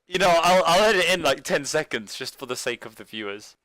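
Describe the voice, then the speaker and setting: A man's voice: a little high, very animated, normal speed, crowd noise. A man co-hosting and editing a casual podcast, teasing and laughing often. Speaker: podcast co-host and editor.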